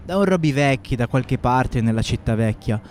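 A man's voice: mid-range voice, animated, moderate pace, darkish tone, a little hiss or hum, close to an everyday voice. An actor playing a defiant young male anarchist giving curt, terse answers in a historical radio drama.

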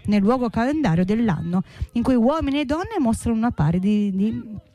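A woman voicing an earnest, warm young man who pleads heartfelt, lifting her pitch. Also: lively intonation, normal speed, dry recording. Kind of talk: storybook read-aloud.

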